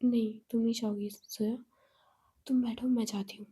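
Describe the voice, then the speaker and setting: A woman's voice: a little high, little pitch movement, moderate pace, warm tone, slightly rough. A woman voicing a protective, worried young woman who speaks in an earnest, pleading way.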